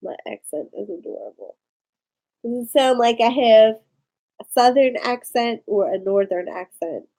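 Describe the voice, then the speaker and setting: A vlogger from Maryland, USA, chats with live-stream viewers in a rambling, casual way, her Maryland accent clear. Her voice is medium-pitched and a little mellow.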